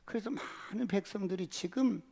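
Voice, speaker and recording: A man preaching from the pulpit, his fairly high voice swinging between loud acted cries and near-whispers. He tells the story dramatically as a pastor addressing his congregation. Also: normal speed, vocal fry, long reverb tail. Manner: dramatic storytelling, shouting acted crowd lines and whispering inner thoughts. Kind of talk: sermon.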